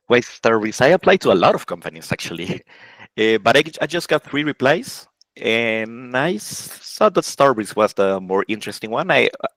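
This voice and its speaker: A man from Honduras in his forties, a game programmer answering interview questions in a casual, halting way with many restarts and self-corrections. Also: mid-range voice, fairly bright tone, no echo, rough recording.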